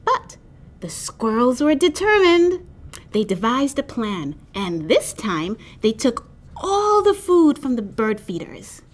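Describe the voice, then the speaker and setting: A woman reading a children's picture book aloud with expressive, animated storytelling. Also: on the high side, takes it slowly. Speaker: storybook reader.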